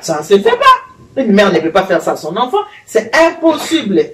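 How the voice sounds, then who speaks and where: Older woman hosting a home cooking lesson. Teasing and animated. Recorded from a distance in a roomy kitchen with faint noise. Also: medium pitch, normal speed. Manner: chatty, teasing, animated storytelling. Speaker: host, grandmother. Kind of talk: cooking show with marriage advice. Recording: echoey room, voice from far off, faint noise.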